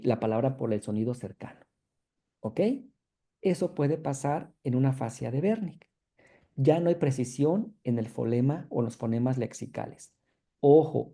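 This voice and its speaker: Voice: medium pitch, warm tone. A university lecturer, explaining clinical material to students and constantly checking in with a questioning tag after each phrase.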